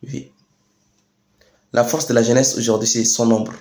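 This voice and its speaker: A young man speaks in an echoey space with a Chadian French accent. He delivers a rousing political address, deliberate and emphatic. He leans on repetition and rhetorical questions to drive his words home. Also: medium pitch, little pitch movement, darkish tone. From Chad. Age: young adult. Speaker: youth activist speaker. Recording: echoey room sound.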